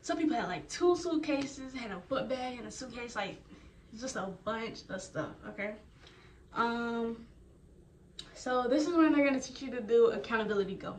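A young woman vlogger casually retelling her experience in a chatty, animated way. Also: a little high, moderate pace. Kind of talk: casual storytelling. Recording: roomy, distant, faint noise.

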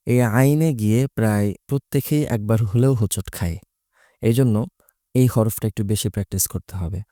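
A man's voice: medium pitch, warm tone, no echo, studio quality. A man teaching Quran recitation, explaining Arabic letters patiently and methodically, repeating each letter's sound.

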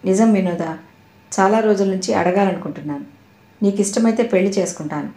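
An earnest middle-aged man pleads his love with insistence, as a woman reading an audio novel gives him voice. The tone is mellow and soft-edged. The recording carries a roomy echo. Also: mid-range voice, brisk, natural voice. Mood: pleading.

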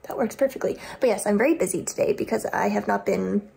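A woman's voice: medium pitch, fast, gravelly, mellow, husky. A young adult woman chatting casually to camera in a rambling vlog style, thinking aloud, recorded on a phone at arm's length at home. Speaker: vlogger, small business owner. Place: rooms of a home, bedroom and kitchen.

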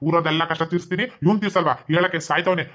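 Actor as a testy village headman, fast and high, Mandya accent. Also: fairly even intonation, a bit bright, lightly acted. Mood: gruff. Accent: Mandya Kannada. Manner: gruff, commanding.

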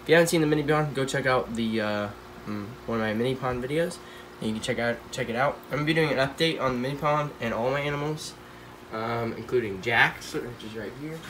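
In this casual pet care vlog, a teen boy with a blocked nose talks fast and loosely, full of fillers, while holding his phone up to the tanks crowding his room at home. His voice sits mid-range with a fairly bright tone. The audio is poor, with slight background noise.

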